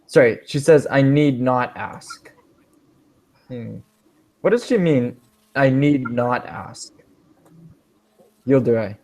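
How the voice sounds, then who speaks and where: A man leads an English speaking class. He walks through words slowly and patiently, giving examples, in a voice of ordinary, mid-range pitch. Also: a little mellow. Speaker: English teacher. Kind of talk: online language class.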